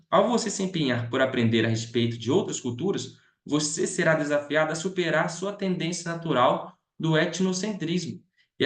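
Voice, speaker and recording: A man, a pastor, telling stories as he teaches a missions class, chatty and often asking his listeners questions. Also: on the high side. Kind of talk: storytelling lesson. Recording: roomy echo.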